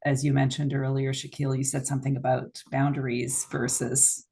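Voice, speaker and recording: A woman mediator speaks up on a video call. Her voice is raspy with a gravelly edge, and she talks politely and deliberately. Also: very deep voice, level tone, mellow. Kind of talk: workshop question.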